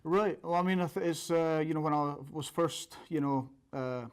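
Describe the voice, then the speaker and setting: A man's voice: on the high side, normal speed, smooth. A man with a thick Scottish accent giving informal interview answers as a college soccer coach.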